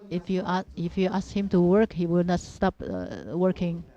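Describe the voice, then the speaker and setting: A woman from Japan with a Japanese accent giving an informal religious teaching talk in halting, simple non-native English, repeating her phrases. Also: lowish voice, sing-song, mellow. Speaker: religious seminar speaker. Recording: dull, muffled lo-fi audio.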